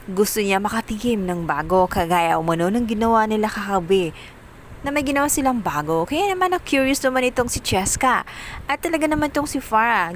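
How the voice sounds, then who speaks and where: Woman, casual drama recap narration, filler-heavy, faint background hiss. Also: mid-range voice. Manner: fillers, quick storytelling.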